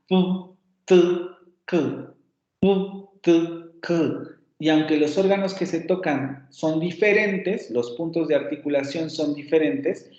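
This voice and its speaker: A man's voice: a little high, a little mellow. A male university teacher with a Mexican Spanish accent giving an online phonetics lecture, patiently explaining and repeating sounds aloud as demonstrations. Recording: echoey room, dull lo-fi audio.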